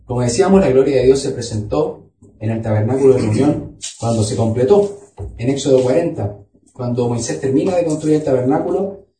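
A man's voice: mid-range voice, lively intonation, brisk, warm tone, slight background noise. A man preaching a sermon as a pastor, teaching a Bible study and reading scripture aloud. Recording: echoey room, voice from far off.

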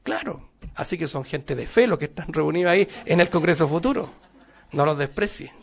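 A middle-aged man preaches a sermon in a notably high voice. He speaks emphatically and keeps putting rhetorical questions to his congregation. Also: animated, fairly quick.

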